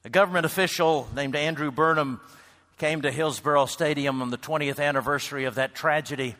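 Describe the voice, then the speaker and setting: A man preaching a sermon to a congregation, swinging between loud calls and near-whispered lines. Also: a little high, fairly even intonation, a little fast. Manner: builds to loud shouts, then drops to a hush. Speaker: pastor. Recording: reverberant hall.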